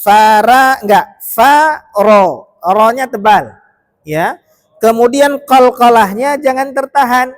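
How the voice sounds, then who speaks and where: A man's voice: extremely high pitch, a little slow, dry recording, clean studio sound. A male teacher in a mosque leading a Quran recitation lesson with an Acehnese Indonesian accent, correcting pronunciation letter by letter and chanting verses for his students to repeat.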